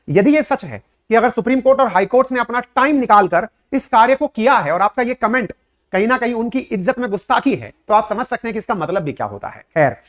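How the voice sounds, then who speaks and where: Man lecturing viewers with rhetorical questions. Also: high-pitched. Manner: conversational lecturing with English words mixed in. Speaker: educator explaining current affairs. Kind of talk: explainer commentary to viewers.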